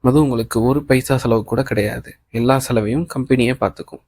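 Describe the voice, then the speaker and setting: A man reading the lines of a kind male office boss in an audiobook of a novel, calm and reassuring, mixing in English phrases. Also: medium pitch, brisk, slightly rough.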